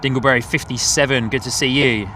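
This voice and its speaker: A man's voice: mid-range voice, steady tone, fairly quick. A man from England with a New Zealand twang in his English accent, chatting casually to viewers and commentating live as a plane-spotting host. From Hertfordshire, England. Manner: chatty, thanks and greets viewers by name. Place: outdoors on a van-top platform by an airport. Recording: outdoor airport ambience, clear vehicle noise.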